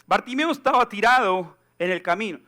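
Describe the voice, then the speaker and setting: A man preaching a sermon as pastor in a church, animated and joking, acting out the people he quotes. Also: high voice, a little fast.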